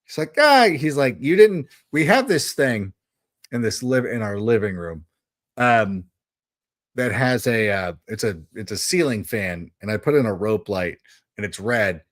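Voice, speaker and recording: A middle-aged man co-hosting a livestream, telling parenting stories in a casual, animated way. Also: lowish voice, a little slow, dry recording, clean studio sound. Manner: animated storyteller, jumps into voices when quoting. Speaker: livestream co-host. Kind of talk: casual chat.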